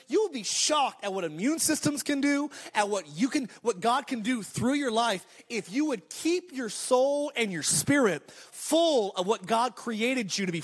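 With a high, bright-edged and husky voice, a pastor in his thirties delivers an energetic sermon. He stacks repeated declarations and slips in quick jokes before hammering his point home.

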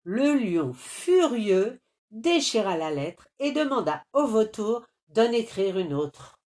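A woman reading a children's storybook aloud, slow, deliberate and expressive. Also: mid-range voice.

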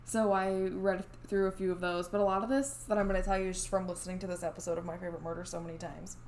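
A woman's voice: lowish voice, little pitch movement, very fast, darkish tone. Casual podcast lady rambling thru a story, lots of likes and um, faint hiss behind. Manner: chatty, many fillers and restarts. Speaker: podcast co-host.

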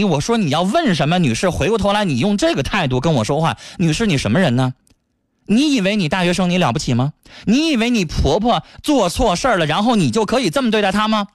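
A man hosting a radio call-in advice show, lecturing a caller in a rapid, scolding tone. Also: sits high, no echo, studio quality.

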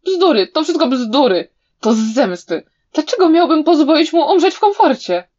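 A woman voicing a cunning, cruel young male villain who sneers, shouts and laughs manically, in a slightly dull recording. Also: on the high side, expressive, moderate pace. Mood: shouting.

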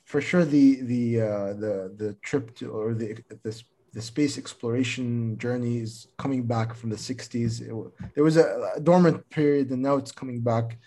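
A man's voice: mid-range voice, steady tone, normal speed, few pauses, mellow. A young man co-hosting a podcast in casual chat, laid-back and calling his friend "bro". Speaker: podcast co-host.

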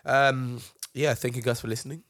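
A man's voice: mid-range voice, normal speed, dry recording. Young London man, slangy podcast banter, close dry sound. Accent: London, urban street slang. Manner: slangy, teasing, animated storytelling. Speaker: podcast host.

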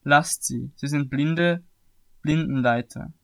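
A man reading aloud and voicing a male religious teacher who speaks calmly and with authority, in a measured, earnest way. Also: fairly high pitch, gravelly. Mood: stern. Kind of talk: scripted scripture reading.

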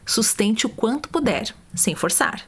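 Calm woman guiding a vocal warm-up. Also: a little high, measured pace, slightly rough. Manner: calm, step-by-step, demonstrates sounds. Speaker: voice coach. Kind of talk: guided vocal warm-up instructions.

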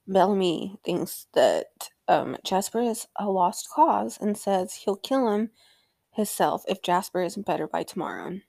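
Chatty young woman with a gravelly voice. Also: medium pitch, dark tone, dry recording. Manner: chatty, swears, trails off with ums. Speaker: recap show host. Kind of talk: casual episode recap.

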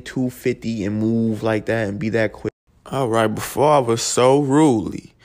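A young adult man, a podcast host talking casually at home, rambling and swearing freely with many restarts. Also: lowish voice. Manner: loose, profane, rambling with restarts. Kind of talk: casual solo podcast talk.

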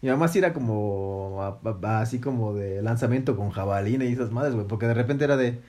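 A man's voice: mid-range voice, fast talker, darkish tone. A young man with a Mexican Spanish accent, joking and using slang while retelling stories in a casual chat.

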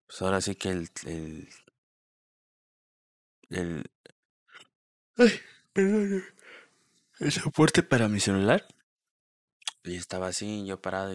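A man's voice: low voice, fairly bright tone, clean tone, no room sound, clean studio sound. A young man talking casually on his own podcast, rambling with many fillers and restarts. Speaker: podcast host. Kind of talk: casual solo podcast talk.

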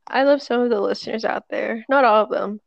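A woman hosting a casual podcast chat, talking in a deadpan, sarcastic way. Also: on the high side, fairly quick, creaky, no echo, lo-fi sound. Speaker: podcast host.

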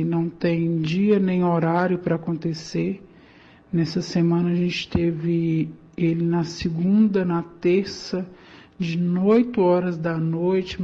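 A woman's voice: lowish voice, dark tone, husky. Woman with a distorted, disguised voice. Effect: voice-changer distortion to hide identity. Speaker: local resident. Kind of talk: anonymous complaint in a radio report. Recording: dull lo-fi sound.

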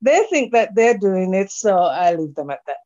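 A woman guest chatting casually, relaxed and matter-of-fact. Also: medium pitch, normal speed, dull audio. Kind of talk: casual chat.

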